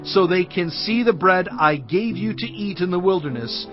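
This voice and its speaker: An actor playing Moses as a stern, commanding leader in a solemn, declamatory dramatized scripture reading. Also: male voice, sits high, animated, moderate pace. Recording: dull band-limited audio with music.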